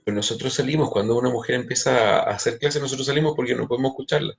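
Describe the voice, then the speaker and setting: A middle-aged man, a rabbi, gives a spiritual lecture in a gravelly voice of ordinary male pitch. He keeps restarting and repeating words as he speaks straight to his listeners. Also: fairly even intonation, racing.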